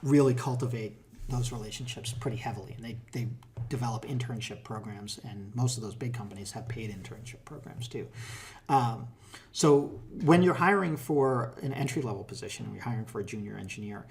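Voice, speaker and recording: Boston-accented middle-aged man, relaxed. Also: mid-range voice, fairly quick, vocal fry, a little hiss or hum. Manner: relaxed, explanatory, many fillers and restarts. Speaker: tech hiring manager. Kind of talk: casual interview conversation.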